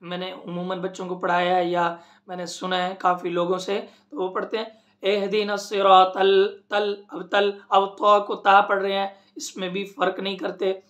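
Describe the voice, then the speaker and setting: A man teaching Quran recitation, explaining patiently and chanting drawn-out melodic examples. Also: sits high, monotone, fairly bright tone, dull audio. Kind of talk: religious lesson with chanted recitation.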